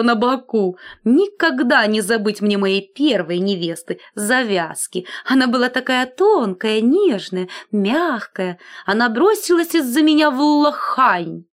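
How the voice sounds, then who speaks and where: A woman's voice: a little high, natural voice. A woman voicing a vain, boastful male shirt collar who flirts and brags in a gushing way.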